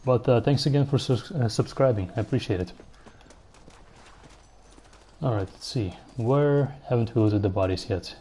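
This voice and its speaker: Mellow-voiced man narrating his gameplay. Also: mid-range voice, normal speed, long pauses, breathy edge. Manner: relaxed, musing aloud while playing, answering chat. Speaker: live-stream gamer. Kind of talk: casual gameplay commentary.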